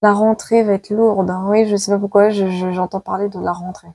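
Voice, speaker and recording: Femme voyante à la voix grave et éraillée. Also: female voice, medium pitch, flat delivery, fairly quick, a little mellow, slightly rough, no room sound. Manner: dramatic, repeats phrases, frequent exclamations. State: worn out by the heat. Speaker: psychic card reader. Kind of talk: live tarot prediction video.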